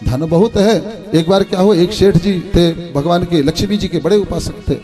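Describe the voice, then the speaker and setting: A man's voice: high-pitched, moderate pace, music in the background. A male spiritual teacher giving a storytelling sermon, preaching in a sing-song way and putting rhetorical questions to his listeners.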